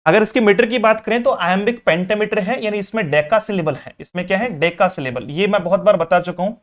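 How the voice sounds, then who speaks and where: A male teacher giving an exam-prep lecture, repeating key points and asking the class questions as he explains. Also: high voice. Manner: mixes English terms into his explanations.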